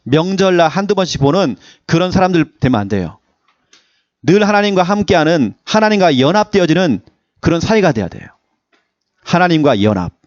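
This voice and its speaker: A man's voice: on the high side, a little fast, no room sound, dull audio. A man preaching a Sunday sermon as pastor, in a playful, joking manner. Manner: animated, playful preaching with jokes. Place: church service.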